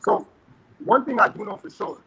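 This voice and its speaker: A young man's high voice comes through a crackling phone connection, with faint hiss under it. He speaks earnestly and builds to forceful emphasis. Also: moderate pace. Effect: crackling phone line. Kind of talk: passionate call-in speech.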